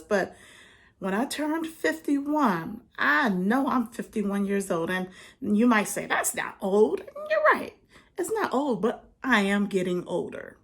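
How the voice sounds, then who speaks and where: Woman in her 50s chatting to her channel, slow easygoing talk, laughs a lot. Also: mid-range voice, vocal fry, husky. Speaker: vlogger. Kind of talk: casual chat to camera.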